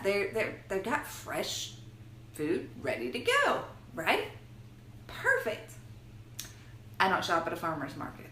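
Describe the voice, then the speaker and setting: A woman chatting casually to her viewers in an animated, playful, self-mocking way, with exaggerated exasperation. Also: medium pitch. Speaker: vlogger giving a food and shopping talk. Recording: roomy echo, faint background noise.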